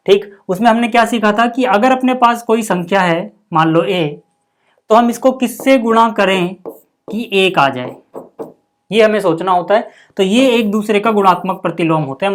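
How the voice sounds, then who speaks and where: A man teaching a school maths lesson, patient and step by step, checking in often with the class. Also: high-pitched.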